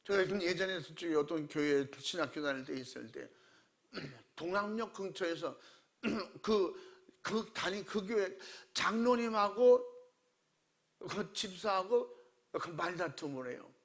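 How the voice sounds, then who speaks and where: A man pastor preaching a sermon, animated and acting out quoted voices with shouts. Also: high voice, measured pace, creaky.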